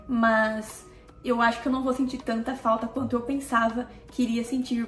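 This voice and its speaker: A chatty Brazilian woman with a fairly high voice talks casually to her audience as a vlogger. She keeps pulling viewers in with quick asides. Her voice rings in a roomy, echoey space over faint background music. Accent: Brazilian Portuguese. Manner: chatty, keeps addressing viewers with tag questions. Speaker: family vlogger. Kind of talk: casual talk to camera.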